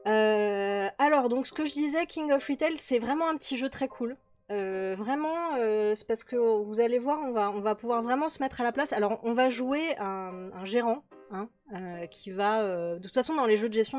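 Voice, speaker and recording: A woman with a mid-range, darkish voice hosts a casual let's-play of a management game. She's chatty, full of fillers and repeated words, with faint music in the background.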